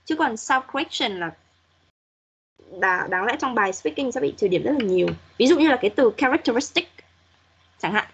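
A woman's voice: on the high side, fairly bright tone, husky, lo-fi sound. A woman English teacher giving patient, corrective feedback to students in an online class, modeling pronunciation as she goes.

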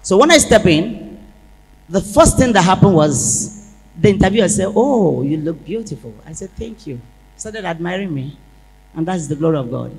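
Woman telling an animated testimony. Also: fairly low pitch, normal speed, a crowd in the background. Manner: animated storytelling, acting out dialogue. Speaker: church member giving testimony. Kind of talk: emotional church testimony. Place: large church hall. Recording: echoey church hall.

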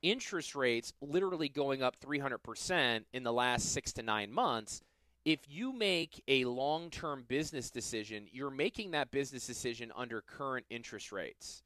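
A middle-aged man with a Southern US accent, a financial planner hosting a radio show, explaining things in a lively, self-deprecating way. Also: mid-range voice, no echo. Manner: animated, self-deprecating, quick asides. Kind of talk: casual radio chat and explanation.

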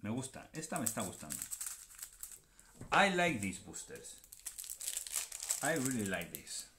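A man's voice: medium pitch, very animated, slow, bright, forceful tone, slight background noise. A man with a Spanish accent from Spain, hosting a card unboxing and chatting in a playful, joking way. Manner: chatty and playful, often joking and self-mocking. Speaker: card unboxing channel host. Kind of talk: casual unboxing commentary, switching between Spanish and English.

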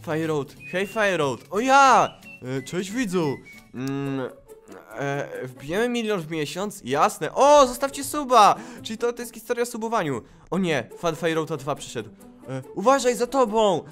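Gaming host, male, high lively voice, excitable let's-play commentary with faint music behind. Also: unhurried. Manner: excitable, exclaiming and laughing at the game. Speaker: gaming YouTuber. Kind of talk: live gameplay commentary.

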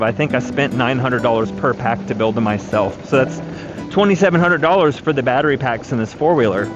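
A man in his thirties talks plainly and practically while riding a four-wheeler along a riverside trail. His voice sits at an ordinary pitch and comes through a dull, lo-fi action camera mic. Clear background music plays underneath. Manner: practical, matter-of-fact, speaking while riding. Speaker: vlogger, electric vehicle builder. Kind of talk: casual explanatory ride-along talk.

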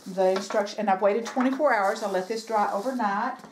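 This DIY furniture vlogger speaks a little fast in a mid-range voice, narrating her home refinishing project in a loose, rambling how-to style full of fillers and self-corrections. There's background noise on the camera mic in her sewing room.

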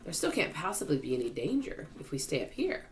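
A woman's voice: sits low, sing-song, a little fast. Lady doing a cocky centipede guy for a storybook, blustery and impatient, voice jumps around. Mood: shaky bravado. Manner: brash, dismissive, impatient.

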